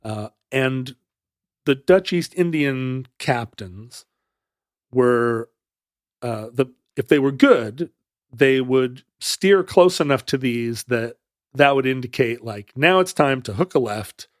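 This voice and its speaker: A man's voice: mid-range voice, expressive, slow, dry recording, clean studio sound. A man co-hosting a podcast, telling a history story in a casual, playful way with joking asides. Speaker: podcast co-host.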